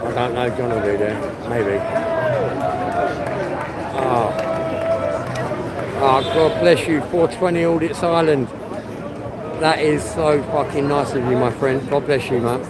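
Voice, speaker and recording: A man's voice: mid-range voice, measured pace, long pauses. A man streaming live outdoors, chatting casually with viewers, swearing often and greeting them by name. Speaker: livestreamer. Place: outdoors on a busy city street. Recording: loud crowd noise from the street.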